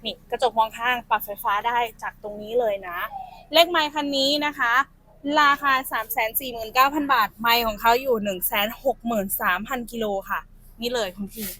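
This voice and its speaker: A young woman walks viewers around a used car with chatty, familiar sales talk. Her voice sits a little high. She sounds as if she is outdoors on a car lot. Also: fairly quick, bright, forceful tone, slight background noise. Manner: chatty, addresses viewers as elder sibling. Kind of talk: sales walkaround presentation.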